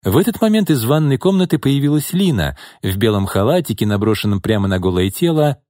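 A man reading a thriller audiobook in a steady, even scripted narration. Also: mid-range voice, a little fast, no echo, clean studio sound.

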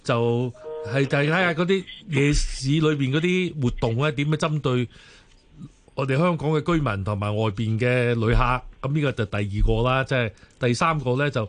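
A man's voice: medium pitch, normal speed. A male talk radio host recapping a guest's points step by step before asking his question. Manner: sums up points in numbered steps.

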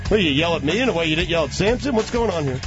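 Deadpan male sports anchor on AM radio. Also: fairly high pitch, racing. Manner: dry, deadpan news delivery, pushes back calmly. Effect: AM radio broadcast sound. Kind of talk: radio sports flash reading. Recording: muffled AM radio broadcast with music underneath.

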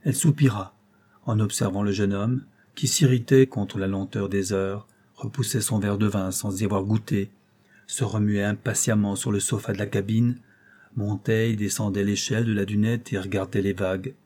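A man reading a classic novel aloud as narrator, in a measured storytelling delivery. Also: fairly low pitch, steady tone, dark tone. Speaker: audiobook reader.

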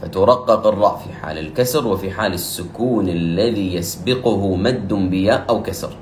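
Male recitation teacher, low voice, brisk explanations with slow recited examples, echoey room. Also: a little hiss or hum. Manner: explains rules quickly, then recites verses slowly and louder. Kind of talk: tajweed lesson with recited examples.

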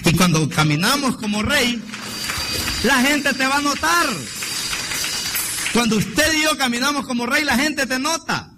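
A man pastor preaching a sermon, emphatic and repetitive, addressing the congregation directly over steady background noise. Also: very high-pitched, unhurried, long pauses, music in the background, low-quality recording.

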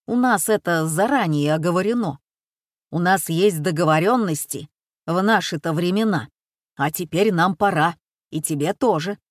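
A woman voicing Van, a tense, commanding man, with a low, hushed, urgent voice in an audiobook. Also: normal speed, no room sound, clean studio sound, lightly acted. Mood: steady firm. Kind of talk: audiobook character voice.

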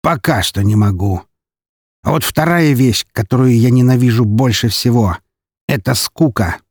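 A man's voice: medium pitch, moderate pace, husky, dry recording, studio quality. A man voicing a scarred, cunning count with a mocking, gleeful manner. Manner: mocking, gleeful, raised lively delivery.

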